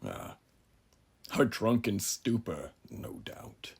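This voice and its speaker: Judge Holden, a very deep gravelly villain. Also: male voice, huge pitch swings, whispered, exaggerated voice. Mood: genial, sinister welcome. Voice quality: gravelly, husky. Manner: grandiloquent, unhurried, theatrical, with dramatic pauses. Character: menacingly genial, philosophizing frontier judge, a large imposing villain. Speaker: voice actor. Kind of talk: immersive horror audio roleplay monologue.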